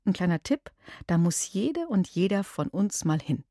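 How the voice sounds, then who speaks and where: Animated woman hosting a kids' quiz. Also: fairly low pitch, moderate pace, no echo, clean studio sound. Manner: animated, addresses listeners. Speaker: quiz host. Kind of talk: children's quiz presenting.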